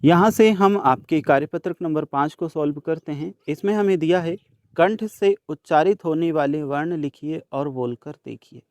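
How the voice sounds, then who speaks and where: शांत, धीमे उच्चारण वाला पुरुष शिक्षक. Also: male voice, a little high, darkish tone, no echo. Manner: slow, deliberate sounding out of letters; addresses students directly. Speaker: teacher. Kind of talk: worksheet solution lesson.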